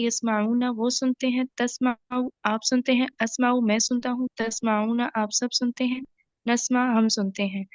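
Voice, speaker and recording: A woman student reciting a verb conjugation table aloud in class, at a steady, even pace. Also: on the high side, dry recording. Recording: dry, muffled lo-fi audio.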